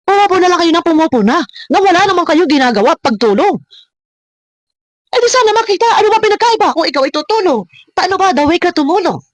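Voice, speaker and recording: Very high, animated, and quick, the woman's voice has no room sound behind it. She's ranting at critics in her own reaction video, repeating words and throwing out rhetorical questions in a confrontational way.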